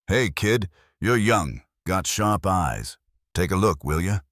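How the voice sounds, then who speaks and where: A man voicing a cheeky, joking army private with a casual, teasing manner, in a dark fantasy audio story. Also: low voice, lively intonation, slow pace, no echo, clean studio sound, voice pushed up, full character voice.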